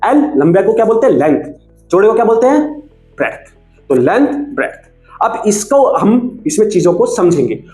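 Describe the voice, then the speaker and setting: A man teaching maths in a casual, animated way, asking questions and then answering them himself. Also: high voice, normal speed. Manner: animated, asks and answers his own questions. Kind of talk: casual classroom explanation. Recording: echoey room with faint music.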